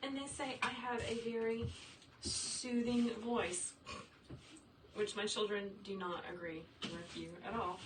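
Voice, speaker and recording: In a casual livestream tutorial from her home workshop, a wreath maker teaches the craft, addressing viewers directly and responding to their comments in an upbeat tone. Her medium-pitched voice is steady and slow, captured with a roomy, distant sound and faint room noise.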